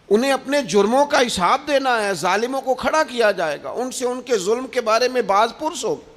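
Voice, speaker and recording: A man's voice: very high-pitched, fairly bright tone. A man preaching a sermon with an emphatic, rising and falling cadence. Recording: long hall reverb.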